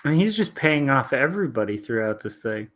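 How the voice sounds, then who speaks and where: A man's voice: medium pitch, very animated, brisk, a bit bright. A man co-hosting a comic book review, chiming in casually with short, amused reactions. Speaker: co-host. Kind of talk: casual chat.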